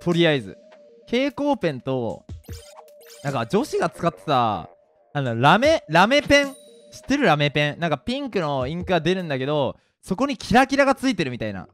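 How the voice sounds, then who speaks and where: A young man with a high, wildly swooping voice spins loose, self-mocking anecdotes while he games. He rambles casually from one memory to the next. Faint game music plays underneath. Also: wildly swooping pitch, fairly quick, fairly bright tone. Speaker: pro gamer and video creator.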